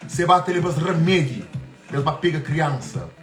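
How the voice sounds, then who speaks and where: High lively guy, bragging on a home livestream, music low behind him. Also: normal speed. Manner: boastful, switches between Portuguese and French. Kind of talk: casual live stream chatter. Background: faint music.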